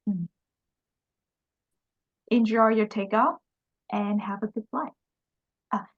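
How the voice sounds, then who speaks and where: A woman's voice: mid-range voice, highs cut off. A woman teaching an English lesson, patiently explaining and repeating example phrases.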